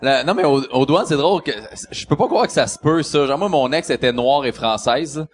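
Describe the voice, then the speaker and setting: Quebec dude talking fast and blunt, bit of background ambience. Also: male voice, a little high, slight background noise. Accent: Quebec French. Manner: rapid, blunt, swears freely. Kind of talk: casual chat.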